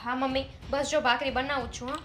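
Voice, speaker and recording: A woman's voice: high-pitched, level tone, fast, a bit bright. A woman playing a defiant young daughter-in-law. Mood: defensive. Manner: argumentative, defensive.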